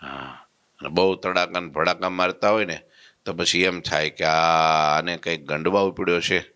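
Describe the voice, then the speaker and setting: A man giving a storytelling sermon in a folksy, animated way, slipping into voices for his characters. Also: sits low, moderate pace, clean tone. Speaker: preacher giving a religious discourse.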